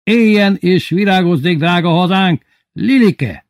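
A man's voice: high voice, expressive, dry recording, studio quality, pitched above the performer's own voice. A man voicing a boisterous, drunk older man who swears crudely and makes pompous toasts.

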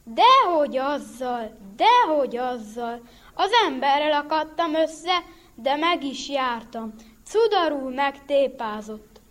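A woman's voice: high voice, lively intonation, fairly bright tone. A woman voicing a sad, beaten male wolf who tells how he was thrashed. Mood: aggrieved. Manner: mournful, then telling his woes urgently. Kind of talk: storybook reading.

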